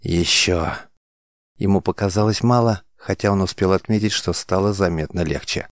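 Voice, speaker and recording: A man narrating an audiobook in a measured, dramatic way. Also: sits low, a little mellow, no echo, clean studio sound.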